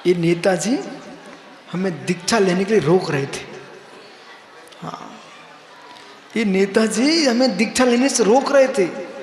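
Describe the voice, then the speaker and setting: A man's voice: high-pitched, slow, long pauses, darkish tone. A man giving a sermon as a monk preacher, telling playful stories and teasing his listeners. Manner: storytelling, playful, teasing the audience. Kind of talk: sermon with anecdotes. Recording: echoey hall, roomy reverb.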